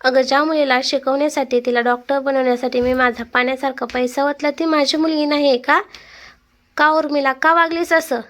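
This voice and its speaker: A woman's voice: high-pitched, fairly even intonation, fairly quick, fairly bright tone. A woman voicing an angry, betrayed older husband in a read-aloud family story.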